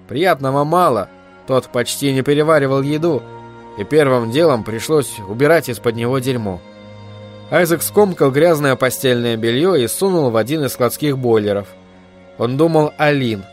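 A man reading a novel aloud in steady, even scripted narration. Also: mid-range voice. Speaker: audiobook narrator.

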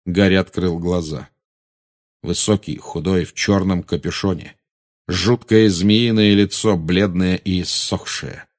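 A man narrating an audiobook in a dramatic, expressive style. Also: deep voice, unhurried.

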